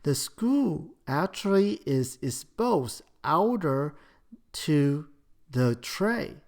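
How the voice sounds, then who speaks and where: Slow, steady lecturer walking students through clinical technique. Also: mid-range voice. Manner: measured, explanatory, slightly non-native phrasing. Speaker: dental school lecturer. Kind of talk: recorded lecture.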